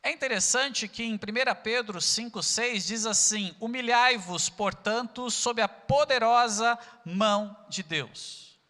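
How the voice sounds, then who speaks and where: A man's voice: extremely high pitch, unhurried, bright, forceful tone, big-room sound. A Brazilian man preaching a sermon as pastor, earnest and full of rhetorical questions. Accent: Brazilian Portuguese.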